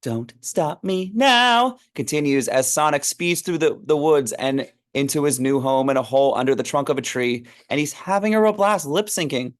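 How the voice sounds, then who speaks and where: A man's voice: fairly high pitch, expressive, moderate pace, few pauses. A man narrating a script read, reading stage directions aloud in an informal, amused way.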